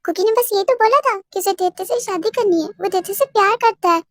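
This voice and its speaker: A woman's voice: extremely high pitch, brisk, dry recording, studio quality. A woman voicing a stubborn young man with a child's mind who whines in stammering baby talk. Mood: sulky. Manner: whiny, stammering baby talk, speaks of himself by name.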